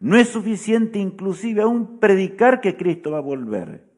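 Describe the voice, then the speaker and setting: Man, preacher, solemn sermon, fairly high-pitched voice, questioning asides. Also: big pitch swings, measured pace, darkish tone. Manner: solemn, often adds a questioning "¿verdad?". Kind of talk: sermon teaching.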